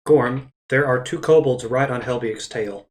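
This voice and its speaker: A man's voice: mid-range voice, unhurried, a little hiss or hum. A man running a tabletop game as dungeon master, rambling and punning and often correcting himself. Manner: rambling, punny, self-correcting.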